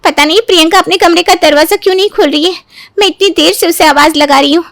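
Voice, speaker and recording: A woman playing a caring sister-in-law, young, high, soothing. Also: quick pace, a bit bright, no echo, clean studio sound. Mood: alarmed.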